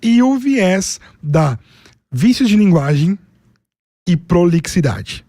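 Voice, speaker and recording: A man's voice: high-pitched, very animated, slow pace, mellow, dry recording, studio quality. A man with a Brazilian accent, a public speaking coach, explaining his methods methodically, step by step, as an interview guest. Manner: methodical, explains in numbered steps and lists.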